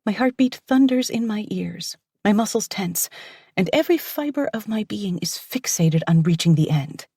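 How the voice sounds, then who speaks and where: A woman reading a romance audiobook in whispered audiobook narration, with a breathy, intimate, half-whispered delivery. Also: mid-range voice, animated, moderate pace, dark tone, dry recording, studio quality.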